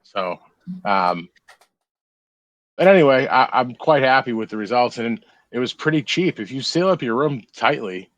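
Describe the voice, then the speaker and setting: A man's voice: medium pitch, fairly bright tone, no echo. A man co-hosting a podcast, telling about his grow in a blunt, laid-back way with plenty of swearing. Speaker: podcast co-host. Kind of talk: casual chat.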